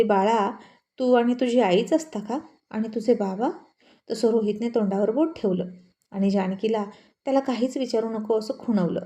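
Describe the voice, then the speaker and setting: A woman narrating a scripted story with expressive, dramatic storytelling. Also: mid-range voice.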